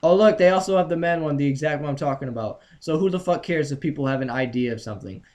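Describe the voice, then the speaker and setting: A man's voice: a little high, fast talker, a little mellow. Young male podcast host, profane and ranty, home mic on a call. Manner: profane, ranting, reads items off a list. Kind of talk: casual podcast banter.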